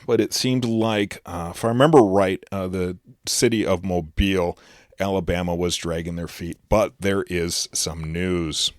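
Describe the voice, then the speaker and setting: Male podcast host, on the low side, casual news roundup with plenty of "uh"s, close and dry. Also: no echo. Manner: chatty, loose delivery with frequent "uh" fillers and restarts.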